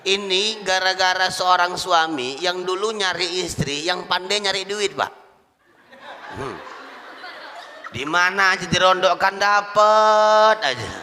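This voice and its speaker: Male preacher, animated and jokey, recorded in a reverberant mosque with faint noise. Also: high-pitched, slow. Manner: jokey, animated, with loud emphatic bursts. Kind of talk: humorous sermon. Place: mosque hall.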